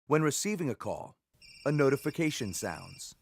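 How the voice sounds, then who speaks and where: A man's voice: mid-range voice, very animated, normal speed, slight background noise. A man giving neutral, scripted step-by-step instructions as a video narrator. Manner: clear, neutral, procedural delivery. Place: dry studio voice-over.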